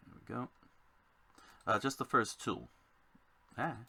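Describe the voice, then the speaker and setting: A man designing a card game, thinking aloud to himself in a slow, musing way as he works. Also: medium pitch, gravelly, pushed and bright, breathy edge.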